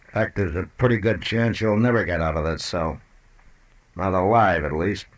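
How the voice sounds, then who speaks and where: In an old-time radio drama, a male actor plays a tough western marshal with cool menace. His low voice moves at normal speed, laconic, sardonic, and commanding.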